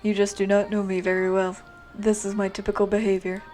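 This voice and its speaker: A woman voicing a reserved, tense male doctor with a light Southern accent, speaking quietly and formally. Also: medium pitch, completely flat delivery, brisk, soft background music, lightly acted. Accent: American Southern.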